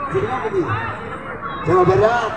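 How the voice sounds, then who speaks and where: A man with a Javanese accent booming out as a live prize announcer to a crowd at an outdoor event. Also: big pitch swings, normal speed, lo-fi sound. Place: outdoor volleyball court. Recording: distant echoing PA, loud crowd noise. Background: loud crowd.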